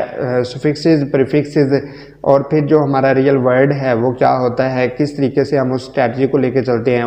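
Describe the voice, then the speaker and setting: A man gives a slow, deliberate lecture. He keeps posing questions and answering them himself. His voice is dark and mellow, and it rings through a roomy space with a long tail of reverb. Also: medium pitch. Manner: explains slowly, asks and answers own questions, mixes Hindi-Urdu with English terms. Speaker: teacher.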